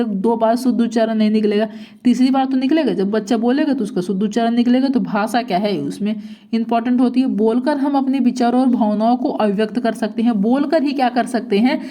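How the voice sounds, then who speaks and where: A woman's voice: a little high, mellow. A woman teacher giving an exam-prep lecture, asking rhetorical questions, answering them herself and repeating each point.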